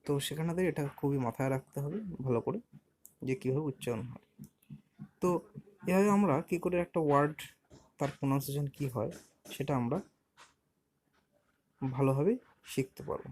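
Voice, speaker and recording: A patient man teaching beginners in a mid-pitched voice. He asks a question, answers it himself, then spells each word out letter by letter. He stretches the syllables slowly so learners can copy him. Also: darkish tone. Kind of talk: beginner language lesson.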